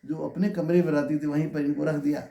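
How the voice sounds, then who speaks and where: A man's voice: fairly high pitch, level tone, a little fast, gravelly, warm tone. A man preaching a devotional sermon in the manner of a wise sage, instructing and telling stories. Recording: echoey, reverberant room.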